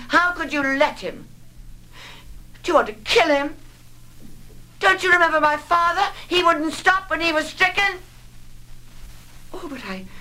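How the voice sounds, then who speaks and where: A woman's voice: fairly high pitch, fairly bright tone, rough recording. An actress in 1960s film acting playing a nervous, fragile middle-aged mother who talks anxiously and defensively, rambling on.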